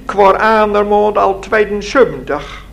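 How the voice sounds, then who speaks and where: A modest, kind old woman of over seventy from a read-aloud tale, voiced by a man. She talks in a slow, homely way with a gravelly, slightly raised voice. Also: sits high, a bit bright, voice pushed up, full character voice. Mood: gentle.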